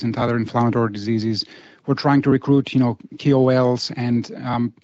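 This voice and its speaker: A man speaks casually as a founder on a panel. His pitch is average for a man, and the recording sounds slightly muffled. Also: darkish tone. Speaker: biotech startup founder, panelist. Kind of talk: casual conversational panel talk.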